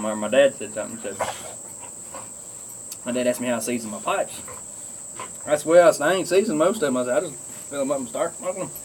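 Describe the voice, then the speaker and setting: A man's voice: medium pitch, darkish tone, slight background noise, poor audio. A man with a rural Kentucky Southern accent, chatting casually and folksily to viewers in a rambling way while smoking a pipe. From Kentucky, United States. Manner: folksy, drawling country speech. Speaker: pipe-smoking video blogger.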